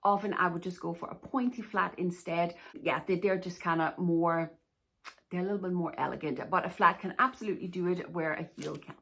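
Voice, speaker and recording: Speaking a little fast in a low-leaning, fairly even voice with a bit of brightness, this woman from Denmark chats through viewer questions on her casual Q&A vlog. She's a plus-size fashion stylist and YouTuber who sounds reassuring and keeps dropping "to be honest with you."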